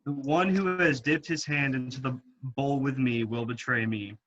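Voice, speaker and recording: A man reading the part of Jesus in a church reading, speaking in a measured, solemn way. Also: mid-range voice, fairly bright tone, highs cut off, lightly acted. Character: Jesus, calm grave male teacher. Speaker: reader.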